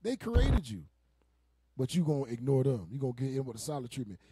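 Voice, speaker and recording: A man's voice: mid-range voice, sing-song, a little fast, dark tone, husky, no room sound. A man leading a casual group teaching session, joking and laughing often with the people around him. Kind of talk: casual preaching, joking banter.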